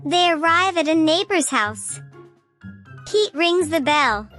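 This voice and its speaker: The storytime lady on a children's read-aloud channel, a high-voiced woman going slowly through each page over soft music. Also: expressive. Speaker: storytime host.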